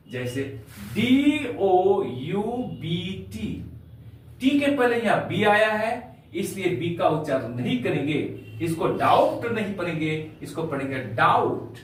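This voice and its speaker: A man teaches a spoken English lesson in a slow, patient classroom manner, spelling words out letter by letter and calling his students dear children. His voice sits high and swings widely in pitch. It is picked up from across a very echoey room. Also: far from the mic.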